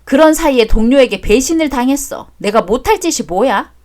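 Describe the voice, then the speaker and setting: High, animated woman in a radio drama. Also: a little fast. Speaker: narrator and voice actor.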